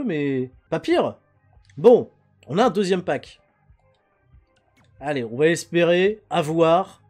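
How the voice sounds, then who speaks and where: A man giving chatty, excitable live commentary while playing a video game and talking to his chat, on a headset mic. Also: high-pitched. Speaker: gaming streamer.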